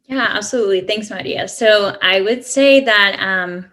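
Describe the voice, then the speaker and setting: A woman from Colombia, a guest in an interview, answering casually and warmly with frequent ums. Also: medium pitch, moderate pace. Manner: friendly, chatty, many "um"s.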